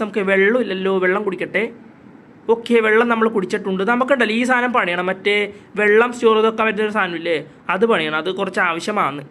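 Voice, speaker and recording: A fast-talking man with a high, bright voice runs through casual gameplay commentary. He is chatty and keeps calling out to his viewers, and a nagging cough has left his voice slightly hoarse. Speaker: gaming channel host.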